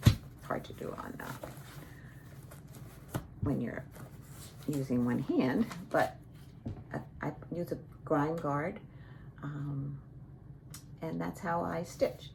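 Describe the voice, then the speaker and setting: A woman's voice: deep voice, fairly even intonation, slow, creaky, pauses often, noisy background. A woman hosting her own cross-stitch vlog, chatting casually and rambling with many fillers and restarts. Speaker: cross-stitch vlogger, show host.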